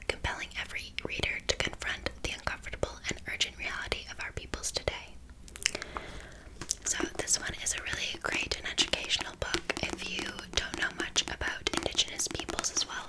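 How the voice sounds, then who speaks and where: A woman speaks entirely in a hushed library whisper. It is a whispered role-play of a helpful librarian, gently explaining books and reading aloud without hurry. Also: rough recording. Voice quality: soft unvoiced library whisper. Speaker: ASMR host playing a librarian presenting books.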